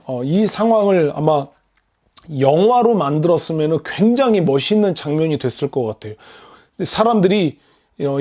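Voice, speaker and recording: A man's voice: high voice, mellow. A male pastor preaching a sermon, explaining scripture verse by verse and putting rhetorical questions to his listeners. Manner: leads the congregation in reading scripture aloud.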